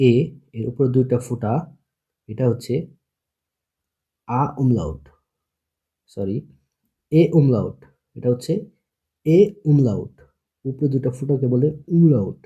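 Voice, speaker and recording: A man's voice: mid-range voice, mellow. A man teaching an online language lesson, patiently spelling out letters and sounds one at a time.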